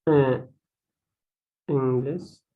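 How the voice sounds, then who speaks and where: A man learning English in a lesson, answering hesitantly and filling pauses with "mm" while he works things out over a video call. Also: medium pitch, steady tone, narrow, tinny audio. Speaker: student.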